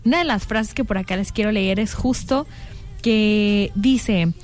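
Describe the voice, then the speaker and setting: A woman's voice: medium pitch, measured pace, faint music behind. A young woman with a Mexican accent, co-hosting a casual panel chat and thinking aloud with frequent fillers. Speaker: podcast co-host.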